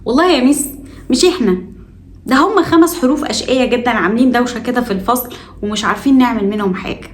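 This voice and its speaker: A woman with an Egyptian Arabic accent voicing a group of mischievous schoolkid letters who talk to their teacher in a rushed, pleading way. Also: on the high side, natural voice.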